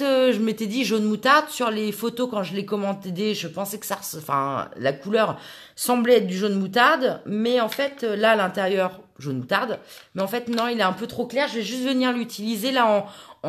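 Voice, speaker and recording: A woman hosts a casual scrapbooking how-to from her craft table, speaking tentatively with frequent fillers. Her pitch sits in the middle, her speed is ordinary, and her tone is slightly bright, with the room adding noticeable echo.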